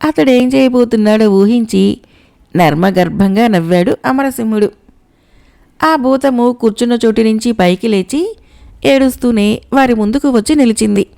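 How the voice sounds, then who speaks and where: Woman narrating a folk tale with a gravelly voice. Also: on the high side, normal speed, mellow. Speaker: storyteller.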